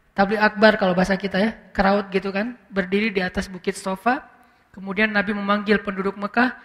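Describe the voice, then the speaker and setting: A man's voice: sits high, a bit bright, big-room sound. A male preacher telling a story in a casual, chatty sermon, with frequent fillers and English words mixed in.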